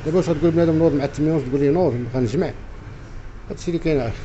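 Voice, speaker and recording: A man's voice: on the high side, racing. A man in his forties with a Casablanca Moroccan accent, complaining emphatically and repeating himself in a spontaneous interview. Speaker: café owner being interviewed. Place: inside a small café, behind the counter. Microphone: handheld reporter microphone. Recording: muffled sound with faint background noise.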